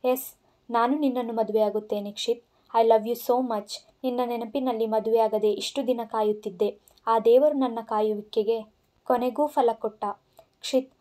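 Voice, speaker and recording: A woman's voice: on the high side, dark tone, lightly acted. A woman voicing a scheming, spiteful young woman in an audio story, talking in a gushing then catty way. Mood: thrilled.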